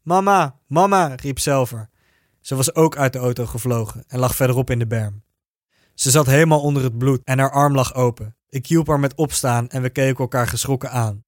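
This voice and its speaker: Man, storyteller, first-person narration, steady even delivery, dry close sound. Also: medium pitch, brisk, no echo.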